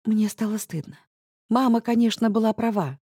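Woman reading an audiobook, kinda high voice, steady, super dry close mic. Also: normal speed, slightly rough, no room sound. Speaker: audiobook narrator. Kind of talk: scripted first-person narration.

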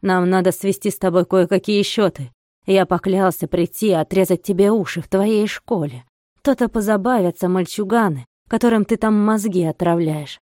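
A woman reading an audiobook voices a scornful old male villager who mocks calmly and coldly. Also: mid-range voice, normal speed, dry recording, studio quality, natural voice. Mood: mocking, scornful. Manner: mocking, calm and cold.

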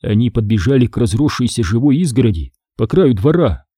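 Dark-voiced man narrating horror. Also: medium pitch, big pitch swings, a little fast, breathy edge, no echo, studio quality. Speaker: audiobook narrator.

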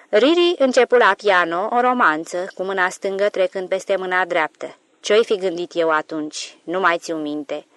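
A woman narrating an audiobook of a literary novel in a calm, measured storytelling voice. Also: medium pitch, dry recording.

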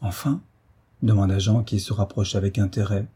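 A man narrating a nineteenth-century adventure novel in a measured, literary way. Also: on the low side, steady tone, dark tone, husky. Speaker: audiobook narrator.

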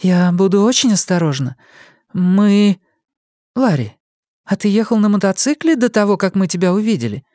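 A man's voice: sits high, moderate pace, no room sound, clean studio sound, pitched above the performer's own voice. A man doing an eager, chatty young woman. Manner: raised, excited delivery.

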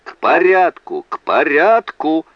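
A man's voice: mid-range voice, sing-song, measured pace, dry recording, dull audio, voice pushed up. Man voicing a stern, commanding judge. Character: stern older male judge.

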